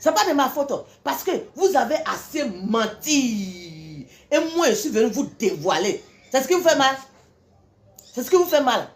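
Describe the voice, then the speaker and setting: Woman, fervent self-styled preacher, scolding and repetitive, slightly high pitch. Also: very animated, normal speed. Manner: scolding, repetitive, rhetorical questions, frequent "hein". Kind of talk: impassioned religious tirade.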